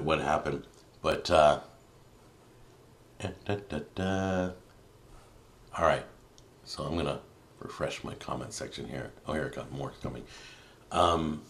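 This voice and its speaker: A man hosting a live stream, giving his opinion to viewers in an emphatic way and getting louder and then muttering under his breath as he reads comments. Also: low voice. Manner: opinionated, emphatic, swings between loud and muttering. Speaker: YouTube cooking show host.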